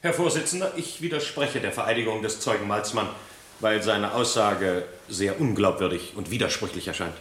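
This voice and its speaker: An actor playing a skeptical defense lawyer who questions a witness coolly in a 1960s radio drama. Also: male voice, fairly low pitch, normal speed, fairly bright tone, close to an everyday voice. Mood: probing. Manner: cool, probing. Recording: roomy vintage radio play studio.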